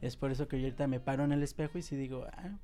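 Man, mid-pitched, reflective and self-mocking, guest on a chat show with faint music behind. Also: little pitch movement, racing, warm tone. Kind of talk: personal storytelling in casual chat.

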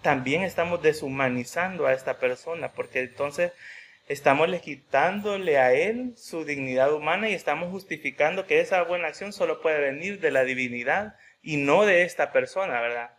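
A man's voice: a little high, normal speed, fairly bright tone, a little hiss or hum. A man preaching a sermon in a conversational way, telling a personal story and often adding a questioning tag.

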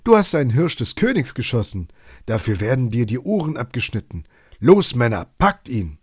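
A man voicing a stern forester who gives commanding shouts to his men in a storybook reading. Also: mid-range voice, big pitch swings, normal speed, slightly rough, no echo, studio quality, pitched above the performer's own voice.

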